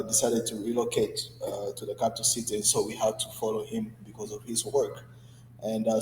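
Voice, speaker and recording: A man in his twenties from the Democratic Republic of Congo, a guest in an interview, telling his story in a relaxed way with many fillers. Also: medium pitch, reverberant, long reverb tail, slight background noise, rough recording. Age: 20s. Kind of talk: conversational interview.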